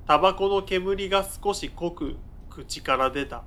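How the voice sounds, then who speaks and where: In an audio drama, a man voices a young narrator telling his own tale, his tone very bright and forward and slightly high. The prose is measured and understated, with a reflective mood and a deferential streak toward his elders.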